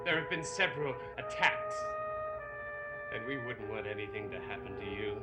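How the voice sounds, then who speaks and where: A man's voice: fairly high pitch, animated, moderate pace, lightly acted. Actor as a bitter man, silkily menacing. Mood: silky menace. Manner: silky menace, mocking and theatrical. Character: bitter, taunting uncle with silky menace. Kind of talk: melodramatic television serial acting. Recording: loud dramatic music behind dialogue.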